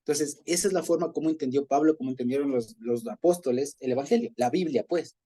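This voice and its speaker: A fast-talking man with an Ecuadorian Spanish accent runs a casual Bible study, his voice a little high, dark and husky. He chats easily, chuckles a lot and regularly checks in with those listening.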